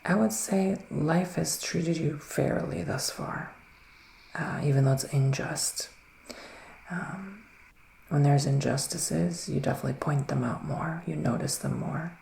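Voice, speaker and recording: A soft-spoken ASMR roleplayer plays a gentle, mystical male witch giving psychic readings, his creaky voice fairly high and partly whispered. He speaks slowly and hesitantly, musing with murmured hums, in a roomy space with a little hiss or hum.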